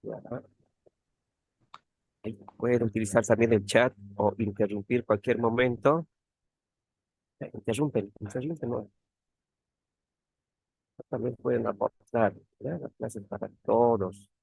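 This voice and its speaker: A man's voice: mid-range voice, fairly even intonation, a little slow, gravelly, long pauses, a little mellow, husky, dry recording. A man teaching an online grammar class as a teaching assistant, repeating key words and asking tag questions. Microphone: computer mic on a video call.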